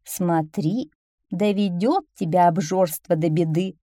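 A caring old mother duck who fusses over her ducklings and warns them gently, voiced by a woman reading a storybook. Her voice is mellow and lilting. The sound is dry and close. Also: lowish voice, slow pace, no room sound. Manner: tender and warning.

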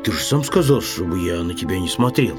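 A gentle young bear cub in a storybook, mild and agreeable, who answers in a low, soft voice, as a male reader puts him on. His tone stays easygoing, with a lively lilt. Faint music plays behind him. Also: brisk.

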